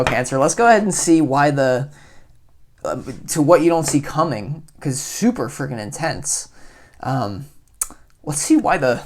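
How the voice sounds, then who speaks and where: A tarot reader speaking in a mid-range voice, neither high nor low. They talk loosely to camera, with a goofy edge. The delivery is rambling and chatty, full of asides. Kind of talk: casual tarot reading to camera.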